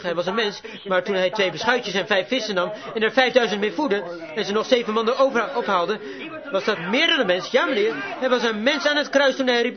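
Preacher, male, high voice, fervent and emphatic sermon. Dull lo-fi recording with the congregation audible. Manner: emphatic, rising to exclamations.

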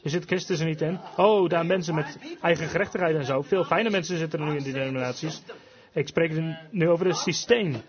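A man preaching a fervent revival sermon, emphatic, switching between quick bursts and slow, drawn-out phrases. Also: high-pitched. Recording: dull lo-fi recording with congregation audible.

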